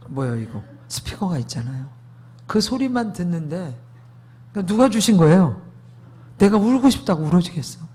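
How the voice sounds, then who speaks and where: A man's voice: high-pitched, a little mellow, breathy edge. A man preaching a sermon testimony, emphatic, asking the congregation rhetorical questions.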